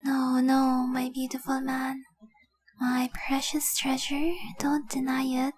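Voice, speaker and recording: Soft music plays behind a woman in full character voice as a young dragon-blooded fiancée, devoted and remorseful, in an intimate romantic audio drama. Her delivery is completely flat, high, breathy and often almost whispered, with a slow, earnest, tender, narrow, gentle confession. She starts hesitant and confessing, then turns tender and insistent.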